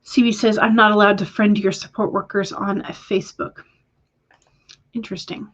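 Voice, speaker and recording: A woman chats casually on a writing livestream and reads out viewer comments. Her pitch sits in the middle, and she fills her talk with ums and quick self-corrections. The audio is a little dull and lo-fi. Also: level tone, fairly bright tone. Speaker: writing stream host.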